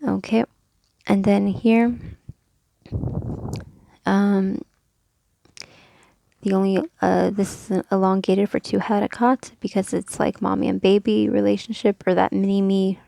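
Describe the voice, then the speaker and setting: A woman explains reading rules in a patient, methodical lesson, pausing with ums and fixing her own slips. Her voice is mellow and a bit gravelly, with little rise and fall. The sound is dry and close, with no room around it. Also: medium pitch, level tone, dry recording. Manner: patient, methodical, with frequent ums and self-corrections. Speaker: Quran reading teacher. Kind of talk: casual recorded lesson, explaining rules step by step.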